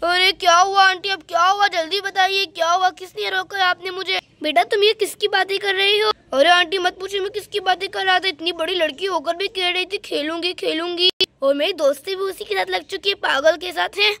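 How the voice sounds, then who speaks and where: A woman's voice: extremely high pitch, fairly even intonation, fairly quick, pushed and bright, no echo, exaggerated voice. A woman voicing a cheeky young boy who teases and mocks others in a doll story. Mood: mocking. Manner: teasing, mocking.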